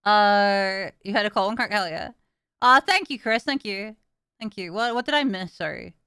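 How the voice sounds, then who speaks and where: Tired, frank woman streamer, bright clear voice. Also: mid-range voice, expressive, moderate pace, dry recording, clean studio sound. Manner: tired, frank, swears casually, laughs often. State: tired and in pain. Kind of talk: casual chat with viewers.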